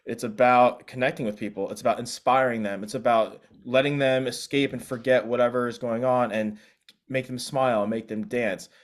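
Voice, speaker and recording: A man's voice: medium pitch, fairly even intonation, moderate pace. Earnest man. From South Korea. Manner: earnest, reflective, restarts phrases often. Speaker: guest DJ. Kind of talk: casual interview chat.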